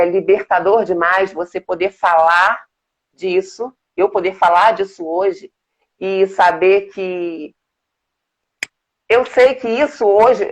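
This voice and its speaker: A Brazilian woman guest in a casual interview, talking in an earnest, reflective and halting way. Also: mid-range voice, highs cut off. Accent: Brazilian Portuguese. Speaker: guest, business mentor.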